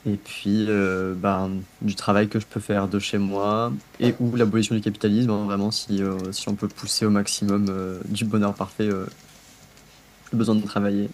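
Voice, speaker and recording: A man's voice: lowish voice, flat delivery, normal speed. A man co-hosting a podcast in casual chat, musing aloud with lots of hesitations. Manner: hesitant, many fillers, dreamy. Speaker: podcast co-host.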